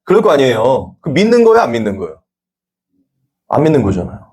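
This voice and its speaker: A man's voice: medium pitch, wildly swooping pitch, fast talker, a little mellow. A male pastor giving a conversational sermon at a Sunday church service, telling stories and acting out the dialogue.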